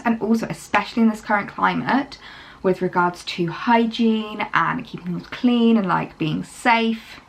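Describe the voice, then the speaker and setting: Croaky, chatty young British woman. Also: medium pitch, a bit bright, a little hiss or hum. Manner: chatty, many ums and likes. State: a bit croaky from early morning. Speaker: fashion influencer vlogger. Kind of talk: casual chatty sponsored vlog.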